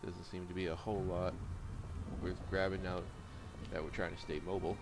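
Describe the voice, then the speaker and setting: A man's voice: sits low, fairly quick. A man giving casual video game commentary, with rambling explanatory asides. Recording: steady background noise. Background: video game ambience and noise.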